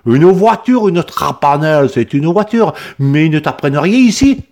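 A man's voice: fairly high pitch, big pitch swings, moderate pace, darkish tone, pitched above the performer's own voice. A man voicing a brash, plump farmer from the south of France with a strong southern French accent and a boisterous way of exclaiming.

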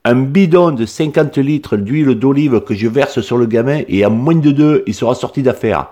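A man's voice: medium pitch, moderate pace, warm tone, voice pushed up, natural voice. A man voicing a brash, plump farmer from the south of France with a strong southern French accent and a boisterous way of exclaiming.

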